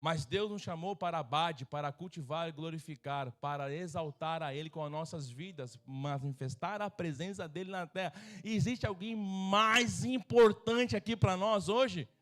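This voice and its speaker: A man's voice: fairly high pitch, moderate pace, fairly bright tone. A middle-aged Brazilian man preaching as a pastor at a church service, joking and acting out voices from his stories. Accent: Brazilian Portuguese. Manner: humorous, acts out quoted voices. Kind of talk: sermon.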